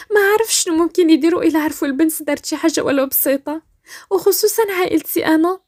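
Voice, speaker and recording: A woman with a Moroccan accent voicing a frightened, desperate pregnant young woman who pleads and shouts through tears. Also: very high voice, pitched above the performer's own voice. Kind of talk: storytelling voice-acting.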